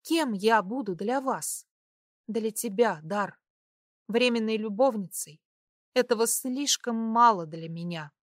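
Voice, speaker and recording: A woman's voice: fairly high pitch, slow pace, no echo. The narrator plays a proud young woman on the run in an audiobook romance. She speaks coolly and turns biting and mocking. The recording is dry and close. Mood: indignant. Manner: cool, then sharply mocking. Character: young woman in hiding, proud and sharp-tongued.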